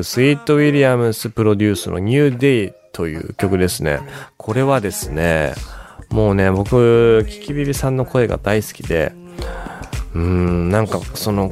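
A man hosting a casual music radio show, chatting with enthusiasm about songs, with many fillers and pauses. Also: on the low side, darkish tone.

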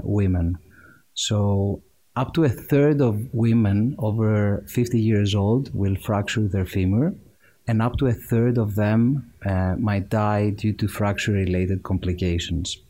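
A man, explaining his work in a measured way as an interview guest. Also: lowish voice, dark tone. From Greece. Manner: measured, explanatory, with frequent fillers and restarts. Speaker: guest, machine learning engineer. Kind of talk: conversational interview answers.

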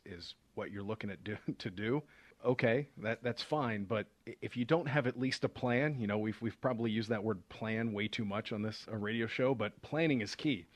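A man's voice: fairly low pitch, no room sound. A man, a financial advisor hosting a radio show, explains investing in a conversational way, with many fillers and restarts. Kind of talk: casual explanatory radio talk.

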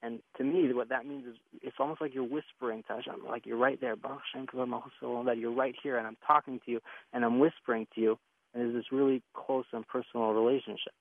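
A man's voice: mid-range voice, fairly even intonation, fast, dry recording. Male guest on a tinny phone line. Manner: earnest, explains with everyday examples. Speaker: rabbi and author, guest. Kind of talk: radio interview.

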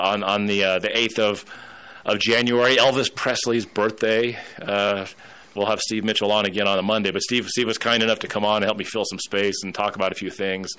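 Brief: male radio host, rambling and chatty, slightly low voice. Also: a bit bright, clear, resonant tone. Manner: rambling, storytelling with put-on voices. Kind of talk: casual radio talk.

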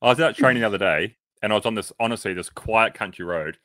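A man's voice: lowish voice, fast, no echo, clean studio sound. A man with a New Zealand accent, co-hosting a podcast and telling stories in casual, swear-heavy chat. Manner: animated storyteller, swears freely. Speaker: podcast co-host.

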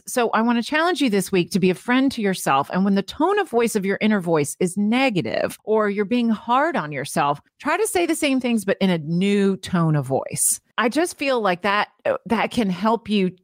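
A middle-aged woman co-hosts a chatty podcast, speaking earnestly and encouragingly about her own habits. Her pitch moves around animatedly, and the recording is dry and close. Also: no room sound. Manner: earnest, encouraging, self-reflective. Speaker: podcast co-host. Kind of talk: casual podcast chat.

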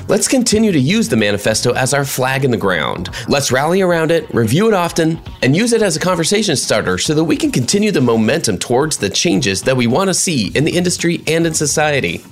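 A man's voice: on the high side, brisk, few pauses, faint music behind. A man hosting a podcast, reading a prepared segment and then welcoming guests in an upbeat way. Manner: upbeat, welcoming, lively intonation. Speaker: podcast host. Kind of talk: podcast hosting and scripted monologue.

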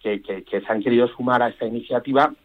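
A man's voice: mid-range voice, fast talker. Eager man on a phone line. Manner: enthusiastic, rambling, many restarts. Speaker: guest, entrepreneur. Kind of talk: radio interview on phone line.

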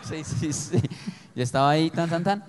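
A man's voice: a little high, normal speed, a little hiss or hum. A man with an Antioquian Colombian accent, chatting casually and telling stories with acted-out voices. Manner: animated storyteller, acts out the voices in his stories. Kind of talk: casual chat. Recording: reverberant room.

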